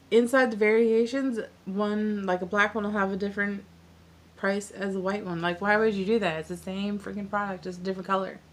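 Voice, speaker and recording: Woman store owner rattling off how-to tips at speed, blunt and fed up with tedious work. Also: medium pitch. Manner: chatty, exasperated, blunt. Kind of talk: fast casual tutorial rant.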